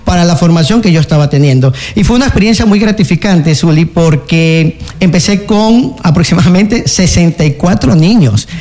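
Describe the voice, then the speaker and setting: A man's voice: high voice, normal speed, hardly any pauses, a little mellow. A man, a guest on a radio interview, speaking earnestly with many fillers and restarts. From Ecuador. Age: 40s. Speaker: interview guest, local candidate and teacher.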